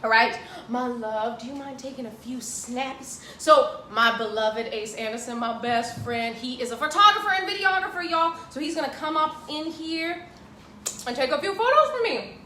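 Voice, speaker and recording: A woman's voice: high-pitched, expressive, moderate pace, sharp tone, reverberant, slight background noise. A woman hosting a live cooking class from her home kitchen, chatty and exuberant, calling her viewers y'all. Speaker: cooking show host.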